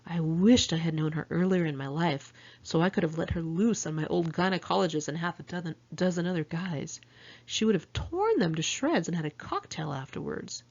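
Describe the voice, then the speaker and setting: In an animated, lowish, somewhat mellow voice at normal speed, a middle-aged Californian author reads her memoir aloud in the first person, and the audio is dull. She's candid and wry throughout, with sardonic asides, like diary storytelling.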